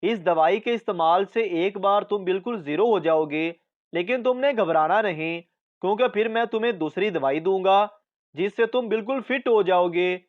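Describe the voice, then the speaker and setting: A man reading out a string of short jokes as the narrator, with a measured delivery of the punchlines. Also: high voice, highs cut off. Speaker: joke narrator.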